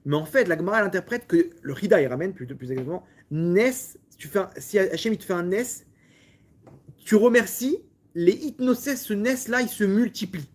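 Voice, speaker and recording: Brief: French-accented male rabbi, husky voice, casual sermon with stumbling restarts. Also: high voice, lively intonation, moderate pace. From France. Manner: repetitive, stumbling restarts, talks directly to listeners. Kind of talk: lively Torah lesson to a small audience.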